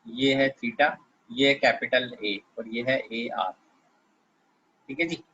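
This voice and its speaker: Male physics teacher, slow deliberate lecture, bright husky voice, dull lo-fi recording. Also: medium pitch, fairly even intonation. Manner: explains step by step, often checking "okay?". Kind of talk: classroom lecture at a board.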